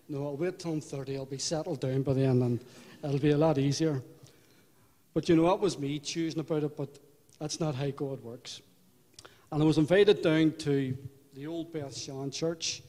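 An older man with a Belfast accent giving a personal testimony in church, unhurried and reflective, with halting restarts. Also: fairly high pitch, warm tone. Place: church hall. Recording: hall reverb.

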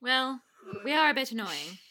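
A woman's voice: sits high, sing-song, moderate pace, sharp tone. A woman playing a tabletop game, asking eager, polite questions. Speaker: player.

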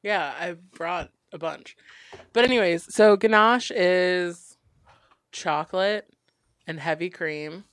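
A man's voice: high voice, takes it slowly, fairly bright tone, clear, resonant tone, no echo. A man co-hosting a casual podcast chat, jumping in eagerly and explaining things in a chatty way. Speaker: podcast co-host.

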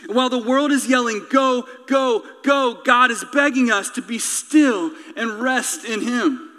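Speaking at a moderate pace in a very high, sharp voice, a preacher gives a passionate sermon built on repetition and rhetorical emphasis. He ends with a prayer, and the sound reverberates as in a hall.

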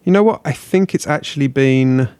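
A man's voice: medium pitch, normal speed, a little mellow, clear, resonant tone, dry recording. A man rambling on in a casual chat, self-deprecating and sweary.

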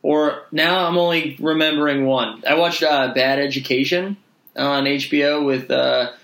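A man's voice: on the high side, steady tone, moderate pace, gravelly, fairly bright tone, reverberant. A man co-hosting a casual podcast, rambling chattily about movies. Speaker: podcast co-host. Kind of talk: casual chat.

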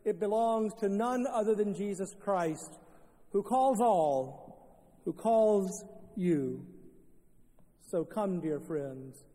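A man leading a communion liturgy as pastor, solemn and measured, his voice carrying a long echo through a large church. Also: high-pitched, dark tone. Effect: long church hall echo. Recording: reverberant church sound, voice from a distance.

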